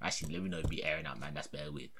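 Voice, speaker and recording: A man's voice: extremely low pitch, fairly even intonation, rapid-fire, sharp tone. A young man, chatting casually in a laid-back, slangy, repetitive way. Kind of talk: casual chat with a friend. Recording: clear background noise.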